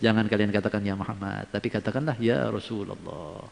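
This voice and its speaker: A man's voice: lowish voice, a little fast, creaky, long reverb tail, slight background noise. A man preaching a sermon, telling stories and acting out the voices of the people he quotes. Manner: lively storytelling, acts out quoted voices. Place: large religious gathering at a shrine.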